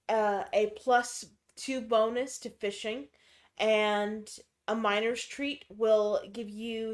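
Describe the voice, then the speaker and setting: A woman co-hosting casual game commentary, correcting and explaining tips in detail. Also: mid-range voice. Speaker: co-host giving game tips.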